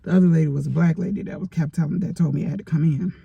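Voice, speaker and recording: A woman's voice: low-pitched, fairly even intonation, very fast, gravelly, slightly rough, dry recording, highs cut off. A middle-aged woman chatting casually in a rambling storytime vlog, filled with fillers, recorded on a phone in her parked car. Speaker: vlogger.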